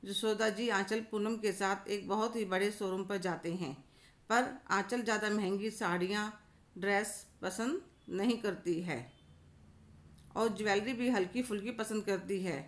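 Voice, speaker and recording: Woman narrator, calm storytelling, mid-pitched, steady. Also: a little slow.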